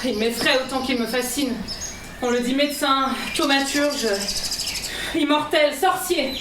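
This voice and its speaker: A woman's voice: high voice, steady tone, measured pace. A woman acting a young queen in a costume stage drama, formal and curious. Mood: formal, intrigued. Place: theatre stage in Paris. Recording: echoey stage, distant mic, noisy birdsong.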